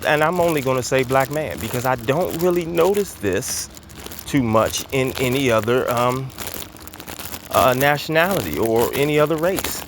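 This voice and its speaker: A commentary host walks outdoors delivering a casual monologue, slightly out of breath, loose and emphatic with lots of fillers and repeated words. His voice is medium-pitched and a bit bright, with slight background noise.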